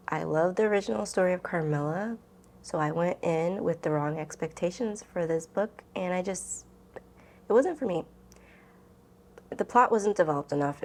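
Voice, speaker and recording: A book vlogger with a low, darkish-toned voice answers tag questions in a casual, chatty vlog. She talks informally, rambling and thinking aloud as she goes.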